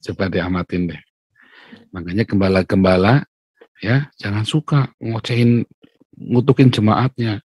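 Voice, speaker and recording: A male pastor delivers a morning devotional sermon in a fairly low voice. He preaches animatedly, throwing himself into quoted lines and chuckling along the way. The sound is dry and close, with almost no room echo. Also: measured pace, pauses often, breathy edge. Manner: animated, acts out quotes loudly, laughs often.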